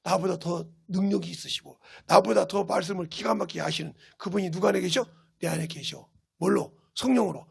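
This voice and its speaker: A middle-aged male pastor from South Korea, preaching emphatically and swinging between loud bursts and hushed asides. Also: sits high, brisk, gravelly, breathy edge. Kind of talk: sermon.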